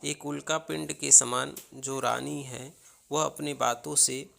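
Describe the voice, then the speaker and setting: A man teaches a poetry lesson at an unhurried pace. His voice has a gravelly edge and a bright, forceful tone. He reads each verse aloud and then explains it line by line. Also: medium pitch, fairly even intonation. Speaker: Hindi literature teacher.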